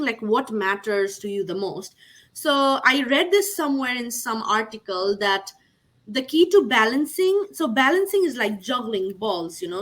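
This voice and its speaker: Speaking in a higher, somewhat bright voice, a young woman from Nepal serves as an MBA graduate panelist on a video call. She responds earnestly to the panel's questions, peppering her answers with "like" and "you know."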